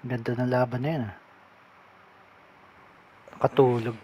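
Excitable, swearing man playing a game. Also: mid-range voice, moderate pace, highs cut off, a little hiss or hum. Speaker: gamer. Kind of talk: casual gameplay commentary.

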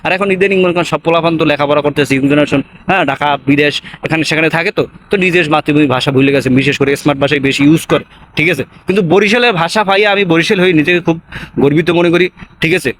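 A young man with a Barishal accent talks to camera at a rapid clip, rambling and tacking on little tag questions. His voice sits fairly high. Faint background noise runs under the recording. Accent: Barishal Bengali. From Patuakhali, Barishal, Bangladesh. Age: young adult. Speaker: vlogger. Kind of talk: casual to-camera talk.

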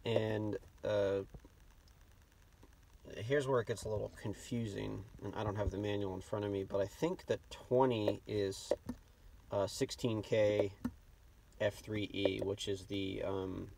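A man's voice: fairly low pitch, steady tone, a little slow, creaky, darkish tone. A man giving an informal, hesitant, off-the-cuff hands-on radio demonstration. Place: inside a car. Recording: noisy, distant mic, clicks. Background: radio broadcast, clicks, noise.

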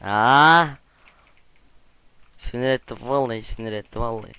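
Male gaming creator, mid-pitched smooth voice, excitable trash talk mixed with chatty asides to the audience. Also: fairly quick. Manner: excitable, trash-talking outbursts at opponents; chatty, addresses viewers directly. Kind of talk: casual gameplay commentary.

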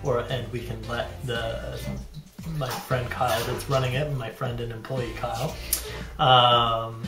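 Holding a camera at arm's length in a cramped bathroom, a dad vlogger in his thirties chats casually and pokes fun at himself as he rambles. His voice sits in the mid range and echoes off the walls.

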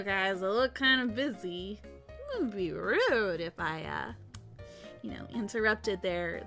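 A woman streaming a game live, excitable and giggly, often breaking into squeals and repeated panicked cries. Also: mid-range voice. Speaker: VTuber streamer. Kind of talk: live gameplay commentary. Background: faint background music.

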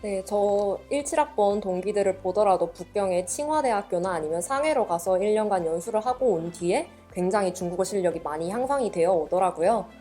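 Female student host, young adult, formal prepared questions, mid-range pitch, faint music bed. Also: lively intonation, a little fast, hardly any pauses, warm tone. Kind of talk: polite scripted interview hosting.

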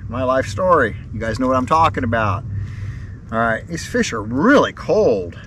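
A middle-aged man on a bass boat, chatting to his viewers as he casts and reels in fish. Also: sing-song, moderate pace, a bit bright, a little hiss or hum. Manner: talks to viewers while casting, upbeat and chatty. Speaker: fishing vlogger. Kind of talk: casual fishing vlog commentary. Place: open bass boat on a lake, outdoors.

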